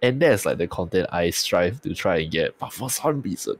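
A man's voice: deep voice, big pitch swings, normal speed, slight background noise. A man with a tired-sounding voice, chatting casually on a podcast and swearing freely. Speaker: streamer and podcast co-host.

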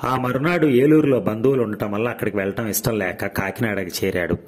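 A man narrating a story aloud in a steady, even reading voice. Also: on the low side, brisk, husky. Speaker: story reader.

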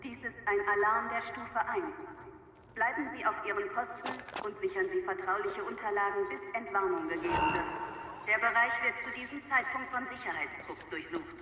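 A man voicing an alarm announcer who reads formal warnings over a public address loudspeaker. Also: sits high, moderate pace. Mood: urgent. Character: male facility alarm announcer. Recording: echoey, distant loudspeaker with hiss.

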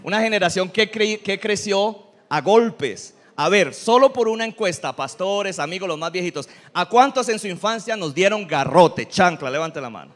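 A pastor delivers a lively sermon, mixing humor with earnest teaching. His voice sits notably high for a man. He keeps the congregation engaged with questions and jokes. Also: moderate pace, few pauses. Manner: humorous, animated preaching with audience questions.

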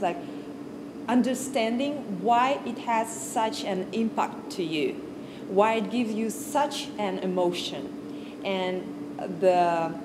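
A young woman from Kazakhstan giving an informal music talk to a class, in unhurried English, searching for words and restarting often. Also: medium pitch. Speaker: guest music lecturer. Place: large stage with piano. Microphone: far camera, no handheld mic. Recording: audible background noise on stage.

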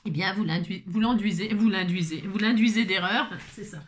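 A woman's voice: medium pitch, normal speed. Breathless chatty woman crafter. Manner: chatty, full of fillers and repetitions. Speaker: crafting tutorial host. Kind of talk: casual crafting tutorial.

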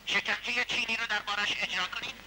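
A ruthless crime boss snaps cold orders at his men in a high, piercing, hard-edged voice. It is dubbed 1960s film acting with an icy, impatient command. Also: fairly even intonation, pushed and bright, a little hiss or hum, low-quality recording. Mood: menacing.

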